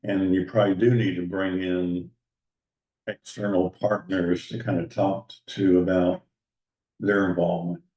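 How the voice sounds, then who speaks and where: Board member, man, low and mellow, measured and hedging; far from the mic on a lo-fi call. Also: level tone. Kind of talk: public board meeting discussion. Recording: distant, dull, echoey video call audio.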